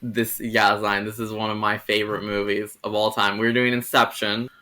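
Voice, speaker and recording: A young man hosts a casual film review chat. He rambles and hedges, often restarting his sentences. His voice is bright and forward. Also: on the low side, flat delivery, moderate pace. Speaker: host.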